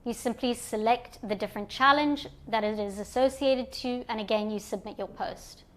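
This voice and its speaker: A woman with a slightly high voice, from Zimbabwe, presenting an online platform. She explains each screen calmly and in order, as a guided walkthrough for new users. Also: moderate pace. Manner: calm step-by-step explaining.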